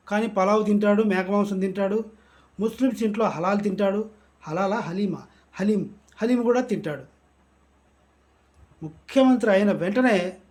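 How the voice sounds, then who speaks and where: Man, high-pitched voice, sarcastic political commentary, mocking rant, from Andhra Pradesh. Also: a little mellow.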